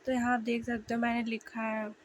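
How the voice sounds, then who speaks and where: A young woman with a slightly hoarse voice, chatting casually to viewers as she shares her language-learning notes and sounds out letters slowly. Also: fairly high pitch, monotone, slight background noise, poor audio. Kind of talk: casual video lesson.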